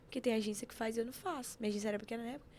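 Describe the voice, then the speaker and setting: A woman telling stories in an animated, preachy way, acting out quotes as she chats on a podcast. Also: a little high, rapid-fire. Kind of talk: casual chat.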